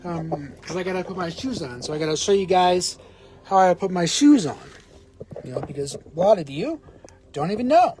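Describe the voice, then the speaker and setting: Halting, breathless man on a home stream. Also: sits high, lively intonation, darkish tone, slight background noise, poor audio. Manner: halting, rambling, many restarts. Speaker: vlogger. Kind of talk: casual live-stream vlog. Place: at home indoors. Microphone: camera on a small tripod.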